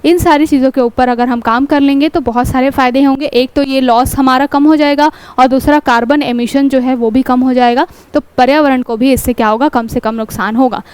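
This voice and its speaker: A woman's voice: high voice, fairly even intonation, fairly quick, few pauses, darkish tone, smooth, no echo. A woman teaching an exam-prep class, explaining a newspaper editorial step by step, asking rhetorical questions and mixing in English terms. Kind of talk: newspaper analysis lecture.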